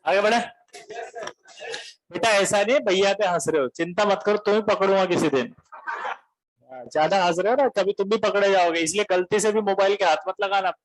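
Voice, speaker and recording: A man's voice: sits high, fairly quick, dry recording, low-quality recording. A man teaching a coaching class, teasing his students in a chatty lecture.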